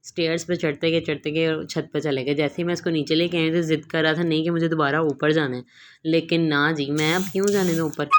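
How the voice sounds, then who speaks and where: A woman's voice: deep voice, slight background noise. A young woman, a mother, narrating a casual home vlog and mixing English phrases into her talk. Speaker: mother vlogger.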